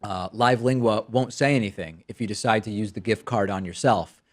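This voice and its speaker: A man whose voice sits on the low side hosts a political commentary show at a normal speed, delivering sardonic, incredulous, emphatic remarks and a sponsor read. Spanish was his first language; he came from a Spanish-speaking country and was raised in the United States from childhood, so English is his second language.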